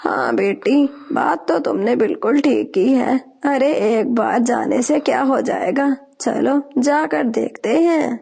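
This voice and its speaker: A woman's voice: on the high side, animated, creaky, few pauses, darkish tone, husky, full character voice. A woman voicing a spiteful, bossy old female sparrow mother-in-law who scolds. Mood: grumbling.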